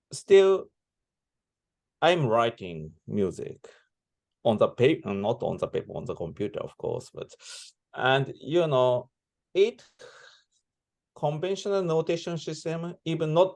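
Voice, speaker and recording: A man giving reflective interview answers as a composer, speaking halting non-native English with broken grammar. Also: a little high, darkish tone. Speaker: interviewee, composer and sound performer.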